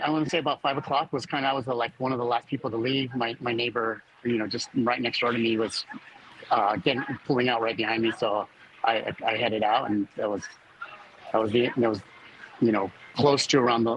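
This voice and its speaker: A man around fifty, a fire captain, tells a personal story in an interview, speaking haltingly as he hunts for words. His voice sits in the mid range and is slightly bright. The recording is low quality with a little background noise.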